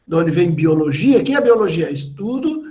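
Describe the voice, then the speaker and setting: A man's voice: fairly high pitch, very animated, normal speed, darkish tone. A Brazilian man with a Brazilian Portuguese accent, preaching a teaching sermon and explaining words one by one.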